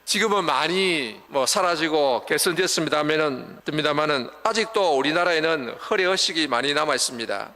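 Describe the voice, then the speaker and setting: A man's voice: fairly high pitch, expressive, moderate pace, few pauses, sharp tone. An older man preaching a Sunday sermon in earnest, explanatory tones, sometimes acting out wailing mourners. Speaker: pastor. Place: church sanctuary. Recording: long church hall reverb.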